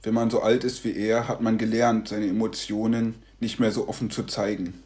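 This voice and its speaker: A man narrating a devotional story in a calm, measured way. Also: on the low side.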